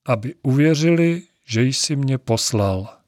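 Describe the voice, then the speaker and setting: A man voicing a calm, solemn male teacher who prays aloud in a measured, unhurried way, with faint music behind him. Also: mid-range voice, no room sound, studio quality, lightly acted. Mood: solemn prayer.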